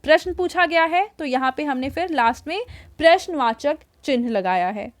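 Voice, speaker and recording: A woman teacher patiently explaining a worksheet to children, repeating words slowly and checking that they follow. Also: high voice, animated.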